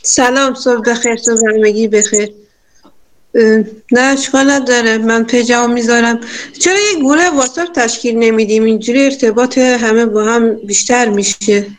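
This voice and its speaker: A woman taking part in an online class, speaking in a friendly, eager way. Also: fairly high pitch. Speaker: class participant. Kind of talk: casual chat in an online class.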